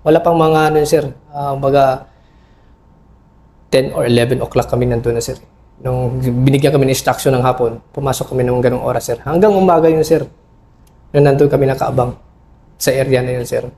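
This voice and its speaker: A middle-aged man, an army officer, recounting a battle in an interview, halting and full of fillers, respectfully calling his listener sir. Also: mid-range voice, fairly even intonation, warm tone, a little hiss or hum. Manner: respectful toward a senior officer. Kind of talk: interview recollection.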